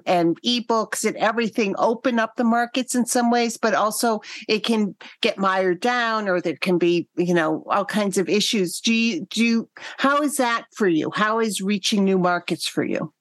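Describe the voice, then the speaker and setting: Lady host asking questions, kinda pauses to find words, dry sound. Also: mid-range voice, dry recording. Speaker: interviewer. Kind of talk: interview conversation.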